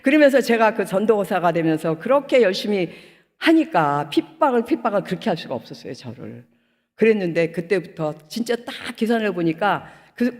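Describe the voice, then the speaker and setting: Fervent woman pastor, echoing hall. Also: on the low side. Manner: animated storytelling, acting out quoted dialogue; emotional, rising to fervent outbursts. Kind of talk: testimony sermon at a prayer retreat. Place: prayer retreat hall. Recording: long reverb of a large hall.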